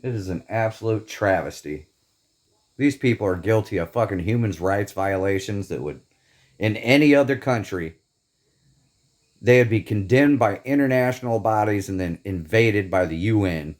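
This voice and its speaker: Speaking at a moderate pace with fairly low pitch and lively intonation, this Northeast Indiana man rants angrily to camera. He airs his grievances in a bitter, emphatic, profanity-laced way.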